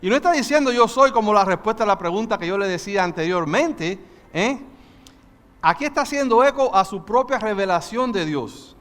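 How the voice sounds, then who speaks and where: A man teaching a Bible study, talking fast and passionately and slipping English words into his sermon. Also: sits high, lively intonation, fairly bright tone, in a large hall. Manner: mixes English into Spanish. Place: church hall.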